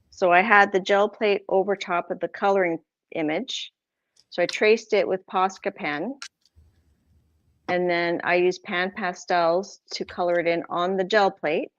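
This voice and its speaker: A woman's voice: lowish voice, a bit bright, dry recording, highs cut off. A woman with a Boston accent casually explaining her craft prints, rambling with lots of fillers and self-corrections. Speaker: craft livestream host.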